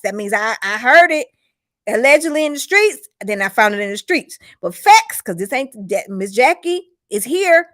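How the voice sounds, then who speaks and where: A woman from Mississippi, hosting a casual gossip livestream and talking straight to her viewers. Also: high voice. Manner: animated, laughs often, drawls and talks to viewers. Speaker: host of a gossip show.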